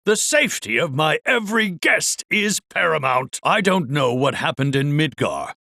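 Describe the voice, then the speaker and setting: A man's voice: fairly high pitch, big pitch swings, normal speed, gravelly, sharp tone, no echo, clean studio sound, exaggerated voice. An actor playing a flamboyant, vain, muscle-bound amusement park director in a video game, with a grandiose showman's manner and formal, flowery diction. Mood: solemn, sincere. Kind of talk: theatrical video game voice acting.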